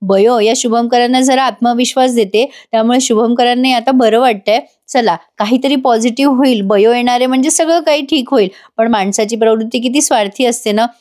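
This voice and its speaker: A woman's voice: fairly high pitch, brisk, few pauses. A woman giving a chatty spoken recap of a serial episode, voicing each character herself with a Marathi accent. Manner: lively, shifts into the characters' lines with mild emotion; chatty asides straight to the viewers.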